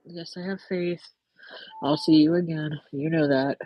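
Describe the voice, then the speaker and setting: A woman speaking casually and emotionally to the dead, halting and tender, with frequent sighs and a husky voice. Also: low voice, fairly even intonation, no room sound, lo-fi sound. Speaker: participant in a live spirit box session.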